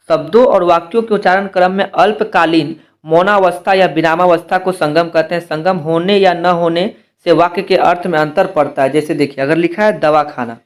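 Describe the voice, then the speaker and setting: A man teaching grammar to exam students, his voice sitting noticeably high. He spells letters out slowly, one at a time, and poses rhetorical questions before answering them himself. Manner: explains step by step, slows to spell out letters and asks rhetorical questions. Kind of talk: exam-prep grammar lesson.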